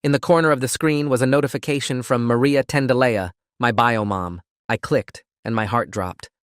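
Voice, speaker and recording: A man reading a first-person story as scripted narration, in a steady storytelling delivery. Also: mid-range voice, clean tone, no echo, studio quality.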